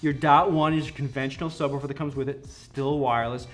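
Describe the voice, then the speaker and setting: Medium in pitch and steady in tone, this man talks a little fast. He's explaining a product with enthusiasm as a company's product representative in a conversational interview, and music can be heard behind his voice.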